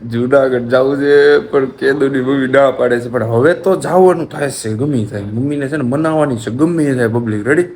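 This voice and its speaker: A young man from Gujarat talks into his phone, joking and coaxing in a loose vlog chat. His voice sits in a middle pitch, with a faint hum behind him at home. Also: moderate pace, few pauses, darkish tone. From Gujarat, India. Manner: playful, pleading. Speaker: vlogger. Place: family home, rooftop.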